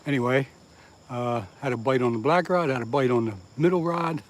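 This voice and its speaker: On a relaxed fishing livestream by the water, a man from southeast Pennsylvania talks a little fast in a medium-pitched voice. He reads comments from his viewers aloud and laughs at the jokes he makes himself.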